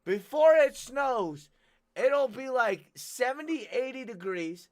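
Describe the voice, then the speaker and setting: Male host from Thailand, high voice, relaxed chatty delivery. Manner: laid-back, chatty, drawn-out. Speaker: radio show host. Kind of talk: casual chat.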